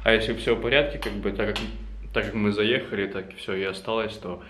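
Brisk and fairly bright-toned, this vlogger in his twenties has a fairly low pitch and fairly even intonation as he chats casually to the camera. He's indoors in a small apartment room, and the handheld camera at arm's length yields noisy audio with room ambience.

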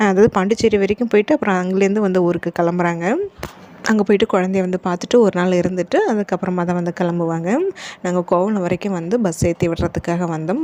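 A woman's voice: lowish voice, darkish tone. A woman narrating her family vlog in a chatty, colloquial way full of fillers. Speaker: vlogger.

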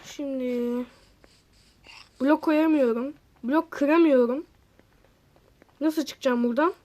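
A woman hosting a gaming channel offers casual, excitable gameplay commentary, speaking directly to her viewers and exclaiming at other players. Her voice is high and her pace slow.

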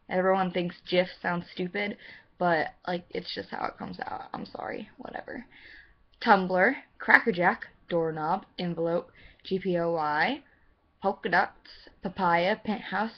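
A nineteen-year-old American woman from Missouri chatting casually to camera in a rambling, self-deprecating way, recorded on a webcam at home. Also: fairly low pitch. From Missouri, United States. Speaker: vlogger answering a questionnaire. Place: room in a house. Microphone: webcam microphone. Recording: dull lo-fi webcam audio.

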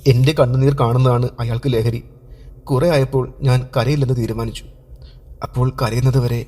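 A man voicing a frightened young woman, an abused wife, who speaks softly and haltingly. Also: mid-range voice, little pitch movement, natural voice. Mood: fearful, subdued. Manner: soft, subdued, halting.

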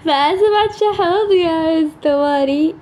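Chatty high-voiced Iraqi woman gamer. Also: normal speed, darkish tone. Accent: Iraqi Arabic. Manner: chatty, mixes in English phrases, teasing. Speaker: gaming channel host. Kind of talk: casual gameplay chat.

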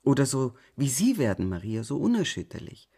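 A man narrating an audiobook in a calm, measured way, often going soft at the ends of phrases. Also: medium pitch, slightly rough. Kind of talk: scripted narration.

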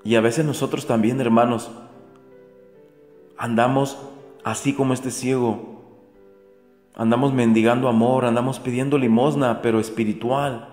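Man preaching a daily gospel reflection, keeps repeating questions, echoey room, quiet music behind. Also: mid-range voice, fairly even intonation, normal speed, pauses often. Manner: earnest, repetitive rhetorical questions to the faithful.

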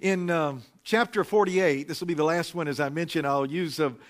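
Male pastor at pulpit mic, slightly high voice, easygoing storytelling sermon. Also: normal speed. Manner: relaxed, anecdotal, with frequent fillers. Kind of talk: conversational sermon. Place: church sanctuary. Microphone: pulpit microphone.

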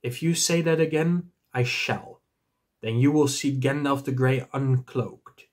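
A man's voice: medium pitch, fairly even intonation, natural voice. Man as Gandalf, a stern old wizard. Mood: threatening. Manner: stern, commanding, deliberate.

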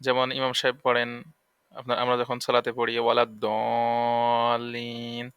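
A man teaching Arabic letters for Quran reading in a recorded lesson, drilling syllables slowly and repeatedly. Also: medium pitch, completely flat delivery, clear, resonant tone, no echo, muffled recording. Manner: slow, repetitive drilling of syllables.

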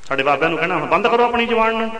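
A man giving a Sikh katha sermon, chanting scripture lines slowly and then explaining them with quick rhetorical questions. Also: high voice, expressive, pushed and bright. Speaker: Sikh preacher. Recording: echoey hall with long reverb.

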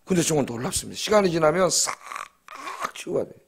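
A man's voice: on the high side, expressive, quick pace, creaky, breathy edge. A middle-aged man preaching a dawn service sermon as pastor in a church. He speaks emphatically and often prompts the congregation with short questions. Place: church sanctuary.

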